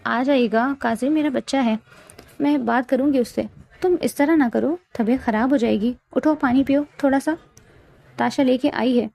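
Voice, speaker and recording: A woman voicing a loving elderly grandmother who speaks gently and soothingly in a storybook reading. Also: high-pitched, gravelly. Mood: tender.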